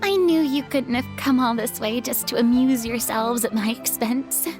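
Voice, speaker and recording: Game role: actress as proud, theatrical ex-deity diva, haughty and formal. High register, touch of creak, music underneath. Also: female voice, normal speed, close to an everyday voice. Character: haughty, dramatic former archon, a proud retired stage diva. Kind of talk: video game voice acting. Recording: background music under clean studio dialogue.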